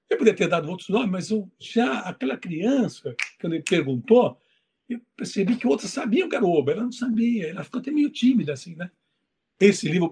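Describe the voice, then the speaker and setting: A man who writes children's books, talking in an interview and telling stories in a lively way, acting out the voices in his anecdotes. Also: high voice, slightly rough. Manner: animated storytelling, acts out voices. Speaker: children's book author. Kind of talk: interview talk.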